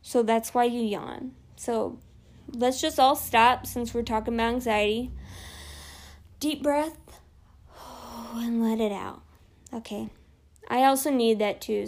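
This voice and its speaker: A woman's voice: a little high, creaky, darkish tone. Chatty young woman hosting a podcast. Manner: chatty, lots of fillers like "like" and "you know"; open and personal. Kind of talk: casual solo talk.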